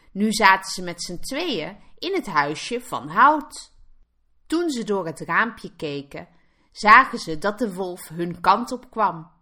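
Woman teacher, storybook narrator for learners; slow, clear, animated, bright tone. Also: mid-range voice. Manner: clear, expressive read-aloud. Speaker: Dutch teacher.

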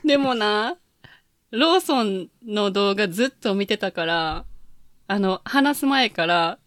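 A woman's voice: mid-range voice, lively intonation, takes it slowly, a bit bright, dry recording, studio quality. A woman with an Osaka accent hosts a podcast in an easy, chatty way. She laughs often and keeps the talk loose and casual. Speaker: podcast host. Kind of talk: casual chat.

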